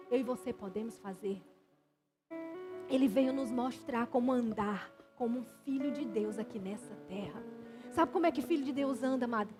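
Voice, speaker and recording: A woman preacher with a high, bright voice delivers a lively, conversational sermon in a church. Music plays clearly beneath her words.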